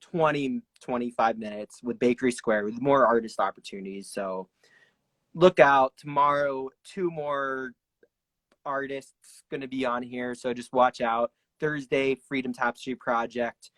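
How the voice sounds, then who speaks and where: A man's voice: medium pitch, measured pace, fairly bright tone, no room sound. A man hosting a casual interview show over a video call, upbeat, loose and chatty. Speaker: host.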